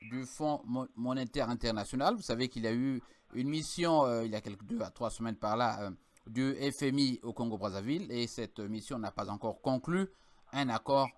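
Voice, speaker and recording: A man's voice: medium pitch, no room sound. Formal male radio host, dry close sound. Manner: measured, formal questioning. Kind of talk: call-in radio hosting.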